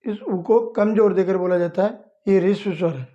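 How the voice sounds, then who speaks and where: A woman's voice: mid-range voice, fairly even intonation, normal speed, dark tone, muffled recording. A woman teaching young children, explaining each step patiently and repeating it plainly. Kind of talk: slow step-by-step lesson for children.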